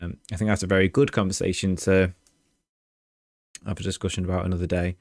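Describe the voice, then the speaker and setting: Very deep male podcast co-host, measured and reflective, dry close sound. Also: level tone, a little mellow, no echo. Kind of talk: casual chat about game music.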